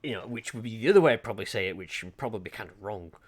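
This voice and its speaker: An art livestreamer from Lancashire, England, talks very fast to his stream viewers, his voice on the low side, slightly rough, with lively intonation and a Lancashire accent. His casual chat is rambling and self-deprecating, hesitant with many ums, captured on a desk mic with the webcam off.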